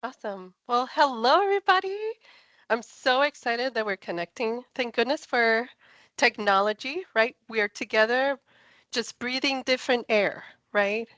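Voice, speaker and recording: A Puerto Rican woman, a NASA project scientist, gives a friendly, chatty online science talk over a video call, with no room sound. Her voice is fairly high and fairly bright, animated at a moderate pace, and she is enthusiastic and laughs easily.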